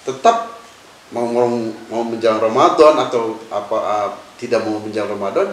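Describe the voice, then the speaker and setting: Brief: male preacher, lowish voice, halting delivery, recorded in a roomy space off-mic. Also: steady tone. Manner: halting, thinking aloud with fillers. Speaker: Islamic preacher. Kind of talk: casual religious discussion. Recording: echoey room, distant mic, faint hiss.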